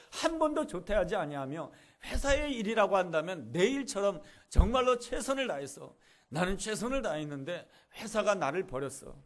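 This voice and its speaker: A man playing a laid-off husband, bitter, pleading and tearful. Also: sits high.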